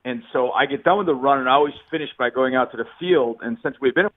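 A man's voice: medium pitch, fast. A man calling in by phone as a sports reporter guest, chatting in an easygoing, storytelling way and laughing often, his Bluetooth line cutting in and out. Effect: phone call over a Bluetooth line that cuts in and out. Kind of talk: casual sports radio chat by phone.

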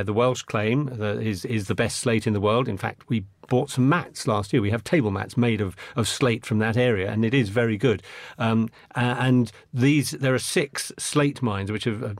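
A man's voice: mid-range voice, no echo. Chatty Scottish-born man in a dry studio. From Scotland. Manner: chatty, rambling, with many restarts. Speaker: studio guest. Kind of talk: casual radio chat. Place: radio studio.

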